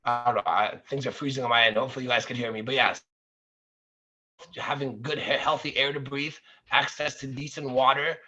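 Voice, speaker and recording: A man's voice: mid-range voice, steady tone, fairly quick, pushed and bright, muffled recording. A man speaking as a guest at an online networking event, earnest and motivational, heard over a video call whose connection keeps freezing.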